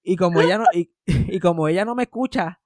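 A man hosting a podcast, telling a story in a sarcastic, animated way and acting out the voices of the people he quotes. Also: high voice, brisk, dry recording, clean studio sound. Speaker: podcast host. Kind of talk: casual storytelling chat.

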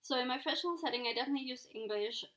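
This young woman, an Ecuadorian whose native tongue is Spanish, has a high, bright voice and speaks in a rapid-fire, forceful way. Though quick, she is thoughtful as a guest in a casual interview, frequently saying "um" and "like."

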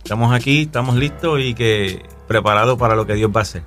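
On a radio program, a Puerto Rican guest musician shares his testimony with an easygoing, halting delivery, often restarting and filling pauses. Soft music sits faintly behind his mid-range, Puerto Rican-accented voice.

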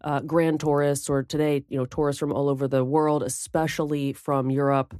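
A woman with a very low, mellow voice chats in a relaxed podcast conversation. She tells lively stories full of vivid food details and laughs easily. Close, dry sound. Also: moderate pace, no echo. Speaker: guest, food writer.

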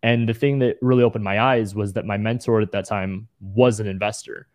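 Low-voiced young man, relaxed storyteller. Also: fairly quick, no room sound, clean studio sound. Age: 20s. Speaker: guest. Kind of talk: casual interview.

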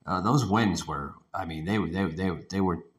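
A man's voice: low voice, moderate pace. A man hosting a casual podcast, rambling and swearing as he rants, recorded in an echoey room he does not usually use. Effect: echoing room sound. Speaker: podcast host. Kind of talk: casual ranting podcast monologue. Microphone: home podcast setup over internet connection.

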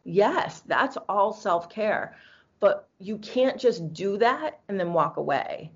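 A woman's voice: mid-range voice, lively intonation, slow pace, slightly rough, lo-fi sound. A woman co-hosting as an energy healer, chatting casually and emphatically, often answering her own questions. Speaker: podcast co-host and energy healer. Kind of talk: casual conversational advice.

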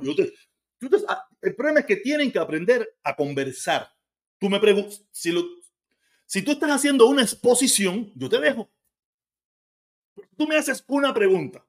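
A man's voice: high voice, husky. A man from Cuba with a Cuban accent, hosting a casual livestream and answering viewer comments in a heated, argumentative way. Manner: heated and argumentative, talks fast and repeats himself. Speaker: livestream host.

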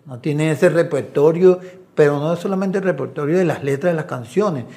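A man's voice: a little high, brisk. A middle-aged man, an assistant coach, telling anecdotes in a casual interview and acting out the voices of people he quotes. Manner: animated storyteller who acts out quoted voices. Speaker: assistant coach and video analyst.

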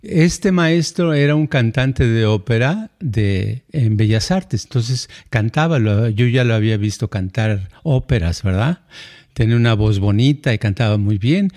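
Brief: middle-aged Mexican man, podcast co-host, lively anecdotal chat. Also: mid-range voice, unhurried. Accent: Mexican Spanish. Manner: animated, acts out quoted voices, frequent fillers. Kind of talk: casual conversational storytelling.

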